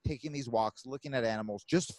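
Male podcast host, animated casual talker, swears a lot. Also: mid-range voice, dry recording. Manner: animated, swearing, quick asides. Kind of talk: casual chat.

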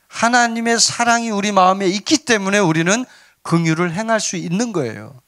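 A man's voice: high voice, lively intonation, brisk, a bit bright. A man preaching a sermon as pastor, earnest, sometimes acting out pleas and scolding.

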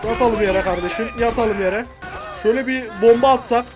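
A man commentating his own game with loud, playful gangster bravado. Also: very high-pitched, a little fast. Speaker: gameplay commentator. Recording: music bed under voice.

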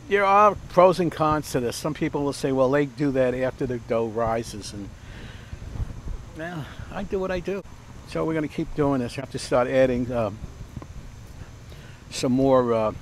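Picked up on a lapel mic in an outdoor backyard by a fence, an older cooking show host gives a chatty, rambling demonstration full of fillers and false starts. His medium-pitched voice has a fairly bright tone, and the low-quality audio carries slight background noise.

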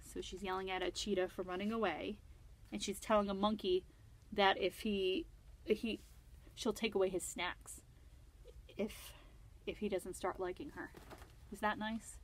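A woman librarian reading a picture book aloud to children, gently asking them questions and laughing often. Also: mid-range voice, flat delivery, a little slow, pauses often, slight background noise. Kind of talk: storytime read-aloud for children.

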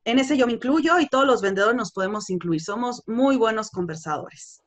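A woman leads a course on customer service. Her voice sits a little high, and she explains at an easy, instructive pace, leaning on fillers like "este" and "pues". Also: lively intonation, brisk. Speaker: sales trainer.

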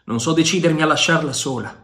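A man voicing a fierce, passionate male pirate chief with a lower, heavier delivery, in a storybook reading. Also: fast, a bit bright, close to an everyday voice. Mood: intense.

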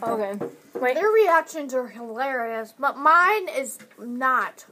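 A very high, lively young female voice, giggling and squealing as she complains her way through a taste challenge. She talks slowly and sounds bright and sharp. There is a faint hiss behind her on a home camera recording. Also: poor audio. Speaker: vlogger doing a taste challenge. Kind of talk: casual chat among friends.

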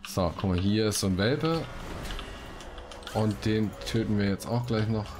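This is a clear recording from a home room, with background noise and the sound of typing. A man with a lowish voice and measured delivery does laid-back let's play commentary and reads quests out. He's talkative and informal, with frequent exclamations.

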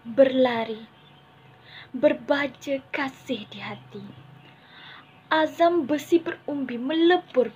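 A young woman with a Malaysian accent recites a poem in a theatrical, stagey manner, with big swells and drawn-out phrases. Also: a little high, darkish tone. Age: young adult. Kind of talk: theatrical poetry declamation. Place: small room indoors. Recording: dull lo-fi phone audio, clear background noise.

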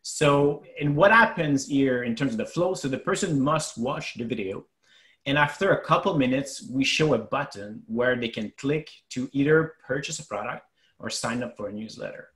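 A man's voice: mid-range voice, normal speed, fairly bright tone. French canadian guy explaining website stuff on a webinar, lots of uh and um, roomy sound. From Quebec, Canada. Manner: explanatory, many fillers. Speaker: web developer presenter. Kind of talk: webinar presentation.

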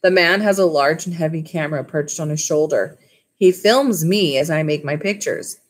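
A school library teacher in her thirties reads a storybook aloud and chats informally with children. Her voice is low-pitched at a normal speed. She's in a small wood-panelled room at home, recorded on a webcam or laptop mic at arm's length.

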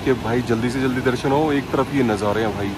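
A fast-talking man with a medium-pitched voice vlogs from outdoors on a mountain trip, addressing his viewers in a casual, excited way. He sprinkles in English words, while outdoor noise and vehicle sounds fill the background.

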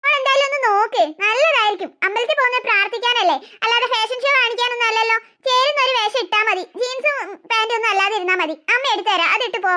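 A woman voicing a fussing, coaxing middle-aged mother in a cartoon story, gently scolding her daughter. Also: extremely high pitch, fast, hardly any pauses.

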